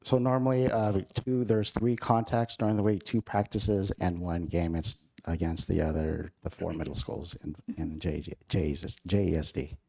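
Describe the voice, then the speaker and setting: A man with a very deep, gravelly voice answers questions at a school board meeting. He is hesitant and uses a lot of "uh" and "um.". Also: fairly even intonation, normal speed, few pauses, a little mellow. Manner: hesitant, many fillers. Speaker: school sports program staff. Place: district board meeting room.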